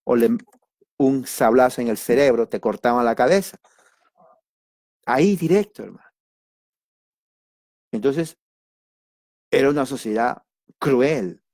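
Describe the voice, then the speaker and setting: Guy teaching a bible study, laid-back warm voice, chatty, keeps checking in with the listeners, dry close sound. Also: mid-range voice, a little slow, long pauses, dry recording. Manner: conversational, addresses listeners directly with frequent "ok"; emphatic asides and sudden exclamations.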